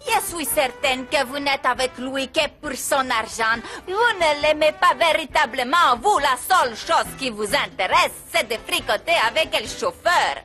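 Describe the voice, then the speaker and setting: A woman voicing a mistreated maid who talks back to her rich boss, slowly and with exaggeration, in a dubbed telenovela. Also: sits high, animated, bright, forceful tone, soft background music. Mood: defiant. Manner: slow and defiant, exaggerated.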